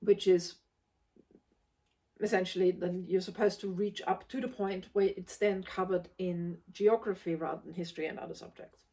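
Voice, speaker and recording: A woman's voice: fairly low pitch, fairly even intonation, normal speed, dark tone. A woman. She reviews a book casually and sounds emphatic, articulate and blunt. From Austria.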